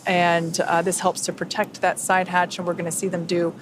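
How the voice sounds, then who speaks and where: A woman giving live, unscripted webcast commentary, explaining procedures in a somewhat halting way. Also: lowish voice, completely flat delivery. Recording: faint background noise.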